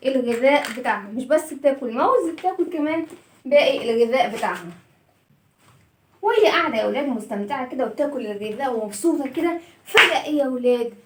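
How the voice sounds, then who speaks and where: Egyptian lady teacher, high voice, singsongy with little kids, asks n answers herself, bit far from mic in an echoey room. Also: expressive, fast, background noise. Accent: Egyptian Arabic. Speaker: children's reading teacher. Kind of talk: lively lesson for young children.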